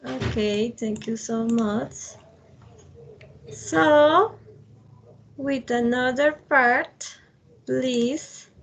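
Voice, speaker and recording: A woman teaching an English grammar class over a video call, speaking haltingly with many fillers and restarts. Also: high-pitched, gravelly, rough recording. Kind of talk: online class lecture.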